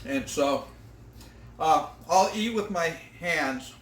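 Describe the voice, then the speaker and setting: A man's voice: on the high side, expressive, slow pace, a bit bright, echoey room, a little hiss or hum. A man hosting an outdoor cooking vlog, tasting his fried fish with enthusiastic exclamations. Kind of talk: casual eating vlog.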